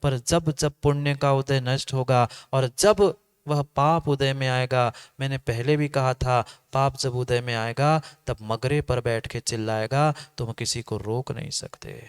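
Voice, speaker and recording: A man's voice: medium pitch, fairly even intonation, a little slow, clean tone. A man giving a sermon as a monk, exhorting his listeners and repeating phrases for emphasis. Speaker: Jain monk giving a discourse. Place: assembly hall.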